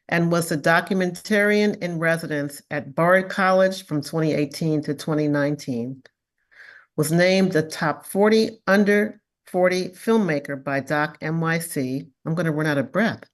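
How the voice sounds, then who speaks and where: A woman hosting an online panel event, reading thanks and a guest's biography aloud. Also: low-pitched. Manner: reads acknowledgments and a bio aloud. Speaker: event host. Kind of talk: scripted event introduction.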